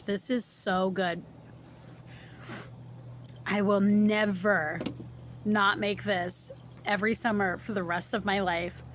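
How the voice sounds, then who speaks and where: An enthusiastic woman filming a casual cooking vlog, speaking straight to her viewers in an everyday mid-pitched voice. She sounds chatty and excited. A faint background hiss sits under the recording. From Indiana, US. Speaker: family farm vlogger. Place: home kitchen, then outdoors.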